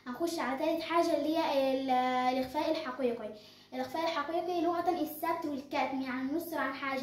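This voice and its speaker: A woman's voice: high voice, a little mellow, reverberant. A young girl with an Egyptian accent explaining tajweed rules as a teacher, asking and answering her own questions. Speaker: Quran recitation teacher.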